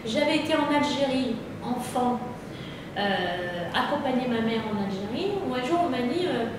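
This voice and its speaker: A woman's voice: on the high side, animated. Earnest middle-aged woman, distant and echoey. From France. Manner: earnest, hesitant, many pauses and restarts. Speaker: interviewee. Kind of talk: personal testimony in conversation. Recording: echoey room, distant mic, background noise.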